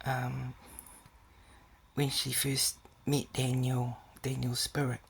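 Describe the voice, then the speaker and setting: A man's voice: mid-range voice, completely flat delivery, takes it slowly, creaky, slight background noise. A man giving a casual video update, talking in a hesitant, rambling way with many fillers and restarts, and often dropping to a whisper. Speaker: vlogger.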